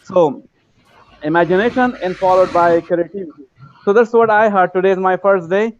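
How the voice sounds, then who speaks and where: A man from Afghanistan, a university lecturer, speaking earnestly and politely in a casual online class, halting with many fillers. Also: sits high, slight background noise. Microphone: video call. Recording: dull, dry online call audio.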